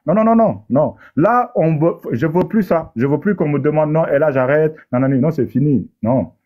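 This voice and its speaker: A man's voice: on the high side, lively intonation, normal speed. Heated, preachy man on lo-fi audio. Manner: repetitive restarts, sarcastic, preachy. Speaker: debater in an online discussion panel. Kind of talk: heated argumentative monologue. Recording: dull lo-fi audio.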